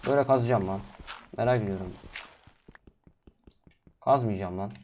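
Man mumbling and yelling over gameplay. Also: moderate pace, a little hiss or hum. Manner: chatty, drifts between low mumbling and sudden loud outbursts; cursing, exasperated asides to viewers. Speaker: gaming video host. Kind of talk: solo gameplay commentary.

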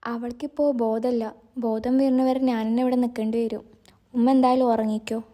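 Anxious, apologetic young man, read by a woman narrator; high, mellow tone. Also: little pitch movement, brisk. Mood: earnest. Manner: apologetic, earnest pleading. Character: young man, anxious but kind driver.

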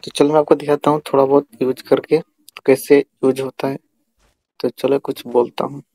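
This tutorial host talks viewers through a screen recording in a casual how-to voice-over, repeating himself as he goes. His voice is mid-range and dark, delivered flatly at a normal speed.

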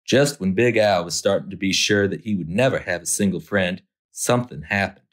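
Man, lowish voice, storytime host, expressive picture-book read-aloud, key words stretched for effect. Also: fairly quick.

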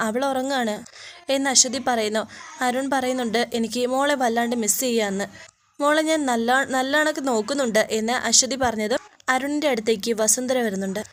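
A woman casually retelling a TV serial episode, quoting each character's lines in her own plain voice. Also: on the high side.

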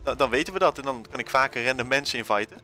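A young man hosting a casual gaming video, excitable, with lots of fillers and sudden outbursts. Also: medium pitch, rapid-fire, soft background music. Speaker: gaming channel host.

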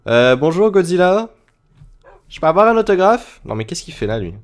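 A young man giving playful let's play commentary on a game, often breaking into high, panicked shouts. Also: big pitch swings, moderate pace, slight background noise. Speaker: gaming video host.

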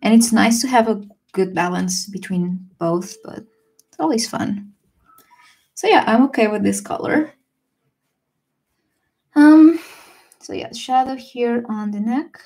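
A young woman livestreaming a watercolor session, chatting casually and relaxed with fillers and small laughs. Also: fairly high pitch, slow, pauses often. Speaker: watercolor artist streamer. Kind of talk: casual livestream chat while painting.

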